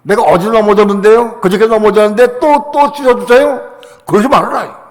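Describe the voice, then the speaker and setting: Male pastor mid-sermon, kinda high voice, super animated, long church echo. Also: fairly quick. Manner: impassioned, swinging from quiet asides to shouted declarations. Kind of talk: Friday evening sermon. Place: church sanctuary.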